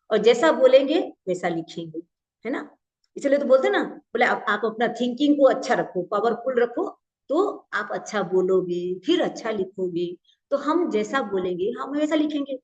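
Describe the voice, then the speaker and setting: A woman's voice: a little high, darkish tone, highs cut off. Patient woman teaching a language class. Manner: explains patiently, often checks with "ठीक है?". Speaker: Prakrit teacher. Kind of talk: online class lecture.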